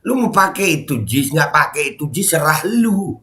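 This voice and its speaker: A middle-aged man, heated and mocking, ranting as a commentary YouTuber and shouting when angry. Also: a little high, big pitch swings, moderate pace.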